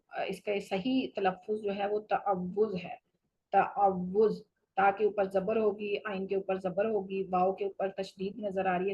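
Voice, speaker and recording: Husky woman teaching Quran recitation. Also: mid-range voice, darkish tone, dull audio. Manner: patient, explanatory, slows for recited examples. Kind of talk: tajweed lesson.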